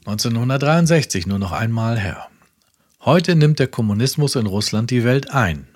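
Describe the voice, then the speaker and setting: A man in religious conversation, reading sermon quotes aloud with strong emphasis, moving between loud and soft. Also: mid-range voice, expressive, moderate pace. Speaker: religious talk speaker.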